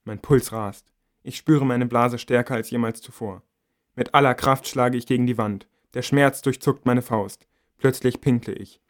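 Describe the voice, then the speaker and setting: Reading an audiobook, a man narrates a novel in the first person at a middle pitch. His delivery is measured, quiet and intimate, with fairly even intonation.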